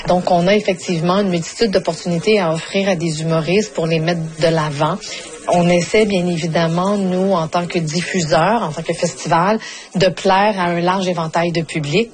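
A woman, a comedy festival programmer giving measured interview answers and leaning on stock phrases. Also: fairly low pitch, steady tone. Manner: measured, repeats set phrases.

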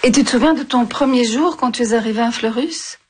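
A woman interviewer asking gentle questions that prompt her guests to go on with their stories. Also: fairly high pitch, a little fast, slightly rough.

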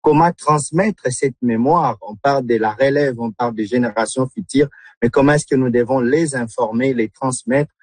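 Earnest, husky Congolese-born man. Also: mid-range voice, normal speed, no echo. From Democratic Republic of the Congo. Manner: earnest, many hesitations and repeated words. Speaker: guest, literary club member. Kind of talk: radio interview.

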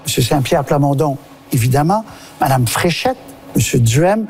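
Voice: medium pitch, lively intonation, moderate pace, a little mellow, slightly rough. A debate moderator who keeps time and calls on each speaker. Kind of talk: televised political debate.

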